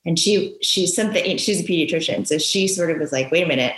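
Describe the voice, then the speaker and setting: Low-voiced woman, echoey room. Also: fairly bright tone. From Japan, raised in New York. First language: Japanese. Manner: earnest, halting, many ums. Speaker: guest author, parent. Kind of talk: casual interview.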